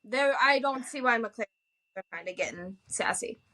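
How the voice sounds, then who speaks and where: A woman's voice: on the high side, expressive, normal speed, pushed and bright. A young woman co-hosting a casual podcast, mostly giving short replies and laughing. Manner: brief reactions, laughs. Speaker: podcast co-host. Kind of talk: casual chat.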